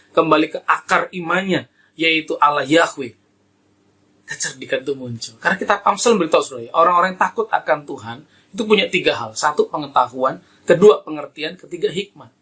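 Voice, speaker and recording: Husky, forceful male pastor preaching. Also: fairly high pitch. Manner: emphatic, rising exclamations, often addresses the congregation. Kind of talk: sermon.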